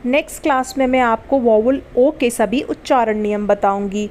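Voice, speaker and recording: A woman's voice: on the high side, moderate pace, a little mellow. A woman teaching a spoken English lesson, spelling words out letter by letter and asking patient checking questions. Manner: patient, asks checking questions and answers them.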